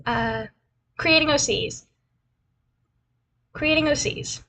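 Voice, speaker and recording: On her livestream, a young woman voicing a cute anime-style VTuber introduces herself over a slideshow, chatting casually, rambling and self-deprecatingly repeating phrases. She speaks slowly in a high, sharp voice, with a little hiss or hum on a low-quality recording.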